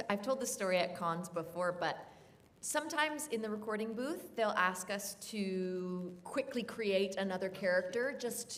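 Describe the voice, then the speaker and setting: Woman, lively animated voice, storytelling, self-deprecating, convention panel. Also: mid-range voice. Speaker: voice actor panelist.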